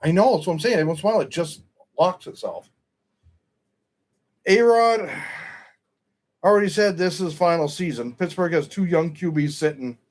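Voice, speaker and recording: Hosting a stream, a middle-aged man rambles casually about football, opinionated and often correcting himself. He speaks at a moderate pace with long pauses, in a higher-side voice of darkish tone.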